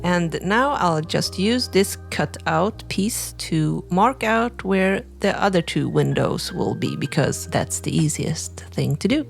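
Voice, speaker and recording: A young Swedish woman hosts a crafting channel, narrating a tutorial at an easy, unhurried pace. Her fairly low voice is gravelly, and she explains in a relaxed, chatty way, full of "like" and "you know," with faint music in the background.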